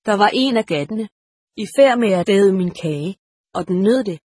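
An audiobook narrator reads a first-person story in a steady, measured way. Her middle-pitched voice is slightly breathy and recorded close and dry, with no room sound or echo.

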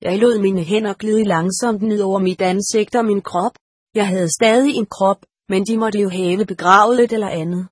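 A woman reading an audiobook in a calm, measured storytelling manner, close to the mic. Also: mid-range voice, husky, dry recording. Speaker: audiobook narrator. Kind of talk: scripted narration.

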